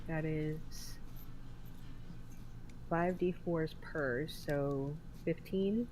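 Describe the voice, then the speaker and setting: A man playing a tabletop game, hesitantly adding up dice out loud. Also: fairly high pitch, very slow, slight background noise. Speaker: player. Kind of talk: casual tabletop play.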